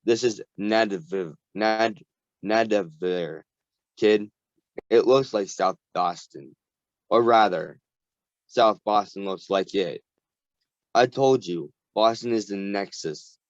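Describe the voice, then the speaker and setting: A man voicing a gruff, world-weary male dwarf companion who explains things bluntly and matter-of-factly, read slowly from a storybook. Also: lowish voice, no echo. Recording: dull lo-fi recording.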